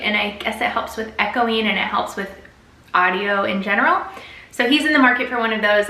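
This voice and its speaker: A woman's voice: medium pitch, pushed and bright. A woman chatting casually to camera as a family vlogger, upbeat and chatty, recorded in a bathroom with heavy echo. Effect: strong room echo. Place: bathroom at home.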